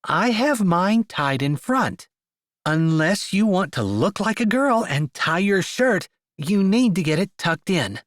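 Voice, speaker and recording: A man's voice: big pitch swings, takes it slowly, no room sound, clean studio sound, exaggerated voice. A man doing a bossy, stubborn young woman. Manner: sharp, insistent, higher-pitched delivery.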